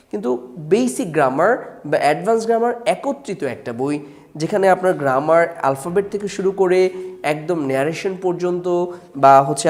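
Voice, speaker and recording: A man's voice: sits high, darkish tone. A man with a Bangladeshi Bengali accent, an author presenting his own grammar book, listing its topics earnestly with frequent hesitations. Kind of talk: promotional talk to camera.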